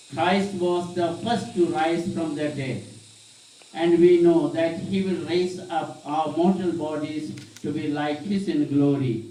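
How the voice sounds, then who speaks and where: A man leading a funeral burial as priest, reciting solemn graveside prayers in measured, formal phrases. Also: on the high side, mellow. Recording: distant, very echoey, faint background noise.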